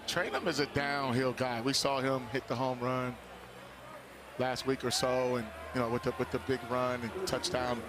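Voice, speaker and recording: A man's voice: medium pitch, little pitch movement, normal speed. Informal male football color analyst, noisy stadium. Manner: conversational, informal, explanatory. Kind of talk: live football commentary. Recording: clear stadium background noise. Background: outdoor stadium ambience.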